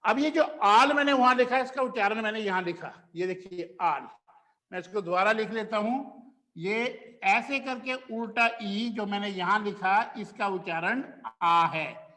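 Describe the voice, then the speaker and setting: High-voiced man teaching with a slow, drawn-out delivery. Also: pushed and bright. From India. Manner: slowly spells out example phrases, mixing Hindi and English. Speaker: English teacher. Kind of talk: classroom lesson. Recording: echoey room with long reverb.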